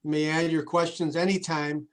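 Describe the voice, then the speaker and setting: A man's voice: on the high side, little pitch movement, moderate pace, poor audio. A man, a local official, welcoming people to an online class on a video call in a friendly, plain way. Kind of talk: casual chat then prepared welcome.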